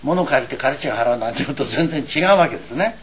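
A man's voice: mid-range voice, lively intonation, fast talker, fairly bright tone. An older man from eastern Japan gives an earnest, wry and digressive doctrinal lecture as a religious teacher. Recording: dull lo-fi recording with faint hiss.

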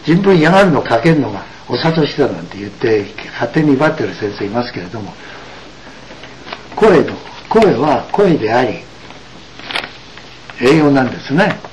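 A man giving an explanatory religious lecture, emphatic and full of drawn-out asides. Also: mid-range voice, very animated, slight background noise, rough recording. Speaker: religious teacher.

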